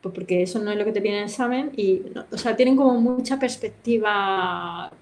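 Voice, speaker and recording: A chatty middle-aged woman with a medium-pitched, fairly quick voice talks casually as an interview guest who practices kendo. She tells anecdotes like a lively storyteller, acting out other people's voices and laughing often.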